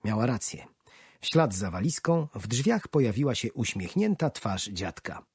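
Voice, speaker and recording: A man narrating a children's audiobook in an expressive storytelling manner. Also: medium pitch, moderate pace, slightly rough, no echo. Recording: dry studio audiobook.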